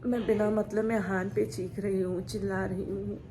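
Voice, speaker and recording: A young woman vlogger talking quietly to her camera in a subdued, reflective way. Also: medium pitch, little pitch movement, moderate pace, noisy background. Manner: subdued, soft-spoken and reflective. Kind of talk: personal vlog talk to camera.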